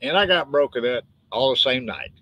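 Muffled audio captures an older West Texas man talking about his own books on a live stream, folksy and rambling with a twang. He's expressive and fairly quick, with a medium-pitched voice that sounds pushed and bright.

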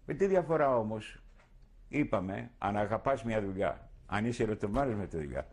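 A man's voice: lowish voice, expressive, a little mellow, breathy edge. An older man in an oral history interview, recounting his past vividly and acting out his own words.

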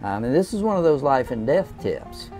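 An older RV travel vlogger, recorded on a clip-on lapel mic inside a camping trailer, walks the camera through how-to tips. His mid-range voice is mellow and very animated, yet his manner stays plain, folksy, and unhurried with frequent "uh" fillers. Faint music plays behind him.

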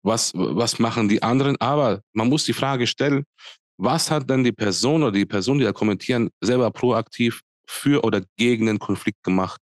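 A man's voice: mid-range voice, moderate pace, dry recording. A man in his thirties from Speyer with a Palatinate accent, co-hosting a podcast in casual, blunt, colloquial chat from a home room on a studio mic. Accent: Palatinate German. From Speyer, Germany. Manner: blunt, colloquial, many fillers and restarts. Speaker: podcast co-host. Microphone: studio mic on arm, video call.

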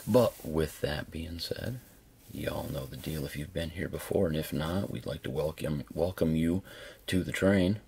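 Male reviewer, chatty and informal; raspy, creaky voice, off-the-cuff video style. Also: extremely low pitch, a little slow, a little mellow. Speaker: product reviewer. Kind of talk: casual hands-on video review.

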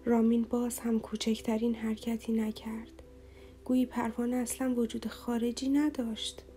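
A woman reading a romance novel aloud as an audiobook narrator in a slow, somber, even way. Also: on the high side.

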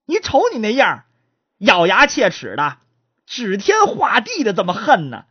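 A woman's voice: mid-range voice, big pitch swings, a little slow, husky, dry recording, muffled recording. A woman voicing a firm reproachful young wife.

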